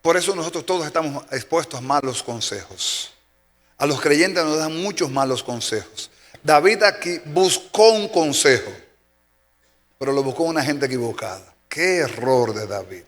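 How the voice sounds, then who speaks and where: Dominican pastor preaching in a reverberant church. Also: male voice, fairly high pitch, expressive, normal speed, a bit bright. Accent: Dominican Spanish. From Dominican Republic. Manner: emphatic preaching, repeats key phrases for effect. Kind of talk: sermon. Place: church sanctuary. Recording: long church reverb with faint music.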